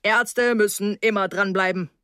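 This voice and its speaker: A man's voice: high-pitched, steady tone, unhurried, pushed and bright, smooth, dry recording. A woman voicing a boisterous middle-aged male dentist who plays the hearty, chummy host, in a dry audiobook reading. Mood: jovial.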